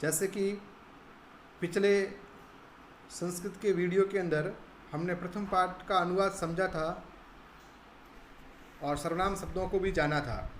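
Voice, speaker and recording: A male teacher, leading a school lesson step by step and slowly repeating each word for his students. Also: high-pitched, fairly even intonation. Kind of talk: school lesson on a textbook chapter. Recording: echoey room, faint background hiss.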